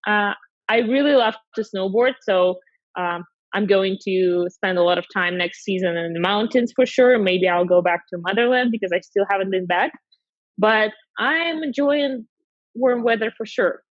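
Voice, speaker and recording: A young woman from Siberia with a Russian accent and Russian as her first language, chatting relaxed as a podcast guest. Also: mid-range voice, normal speed, no echo. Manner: relaxed and chatty, frequent "like" fillers. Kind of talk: casual interview chat. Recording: slightly dull lo-fi audio.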